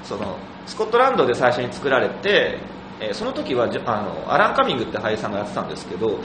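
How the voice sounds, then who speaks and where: Lively fast-talking man in echoey room. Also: mid-range voice, background noise. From Tokyo. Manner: lively, laughs often, quick and animated. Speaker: host. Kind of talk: casual chat.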